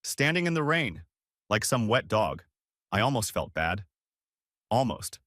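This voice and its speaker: A man's voice: lowish voice, big pitch swings, measured pace, fairly bright tone, no echo, studio quality. A man voicing a boastful, scornful middle-aged father bragging to his friends at a bar. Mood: mocking boastful.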